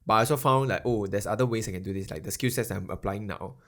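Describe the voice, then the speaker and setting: This podcast co-host, a man in his 30s, speaks fast in a voice on the low side that's a bit bright. The casual chat is rambling and reflective, and he tends to finish his phrases with "lah."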